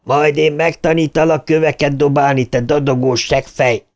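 A man's voice: on the high side, level tone, voice pushed up, close to an everyday voice. A man voicing a cruel teenage boy bully who sneers and jeers. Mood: jeering. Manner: sneering, half laughing.

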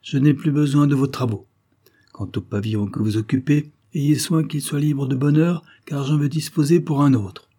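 A man's voice: a little high, moderate pace, gravelly, dark tone, breathy edge, voice pushed up. A man reading a storybook, voicing a stern aging prince who gives severe commands.

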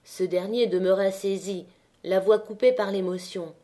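A woman narrating a classic novel as an audiobook reader, in a measured way. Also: mid-range voice, fairly even intonation, mellow.

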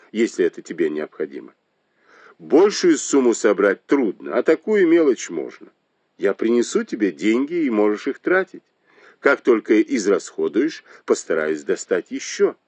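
A man's voice: lowish voice, very animated, moderate pace, a little mellow, no room sound. A man reading aloud and voicing a noble husband who coaxes and placates his wife. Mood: placating. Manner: coaxing, wheedling. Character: pleading, joking husband of noble household.

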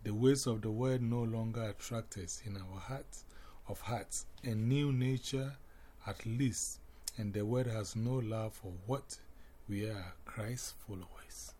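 A man hosting a devotional, reading scripture and leading prayer in a measured, reverent way. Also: lowish voice, slightly rough. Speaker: devotional host. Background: soft music bed.

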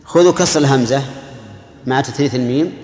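An older man from Arabia, teaching a class, slowly drilling pronunciations and quizzing his students. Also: mid-range voice, darkish tone. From Saudi Arabia. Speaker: religious teacher. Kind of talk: classroom lesson explaining a text. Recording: echoey hall with long reverb.

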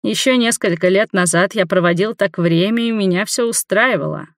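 Steady first-person audiobook narrator. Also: medium pitch, moderate pace, no room sound, studio quality. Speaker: audiobook reader.

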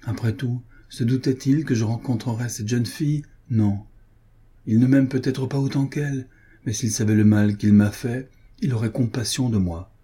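A man's voice: medium pitch, fairly even intonation, moderate pace, warm tone, husky, close to an everyday voice. A man reading the part of a devout, tender young duchess, in a plaintive inward monologue from a storybook. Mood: sorrowful.

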